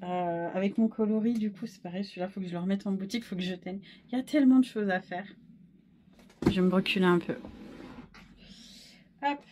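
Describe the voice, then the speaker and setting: A woman in her thirties chatting casually in a knitting vlog, a little hoarse, rambling and self-deprecating, full of fillers and restarts. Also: mid-range voice, brisk, pauses often, warm tone, slight background noise. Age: 30s. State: a bit hoarse, frog in the throat. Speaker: wool dyer and knitting podcaster.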